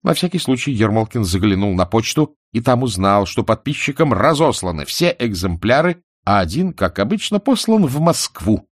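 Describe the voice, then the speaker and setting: Expressive low-voiced male narrator. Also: normal speed, hardly any pauses, no room sound, clean studio sound. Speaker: audiobook narrator. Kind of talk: scripted narration of a humorous novel.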